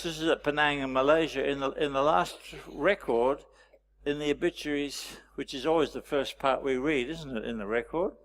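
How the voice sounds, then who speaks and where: A man leading a storytelling workshop, teaching with wry anecdotes and frequent pauses. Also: mid-range voice, creaky. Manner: anecdotal, wry, pausing often. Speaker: workshop presenter.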